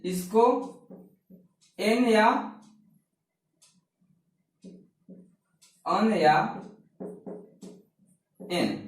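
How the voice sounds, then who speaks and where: A man teaching an English grammar lesson, repeating key words and asking and answering his own questions. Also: high voice. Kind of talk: classroom lesson explaining articles. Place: classroom. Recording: very echoey room, voice from far off.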